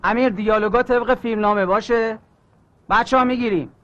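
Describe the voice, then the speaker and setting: A man's voice: sits high, fairly even intonation, fairly bright tone, lo-fi sound, slight background noise. A man voicing a curt male film director in a cartoon, calling out commands on set. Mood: commanding.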